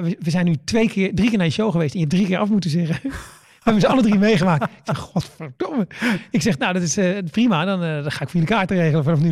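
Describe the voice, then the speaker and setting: Here a middle-aged stand-up comedian tells stories in casual chat in a high-pitched, slightly mellow voice, recorded at studio quality with no room sound. His speech is full of stammering restarts and repeated words, and he acts out his own quoted words.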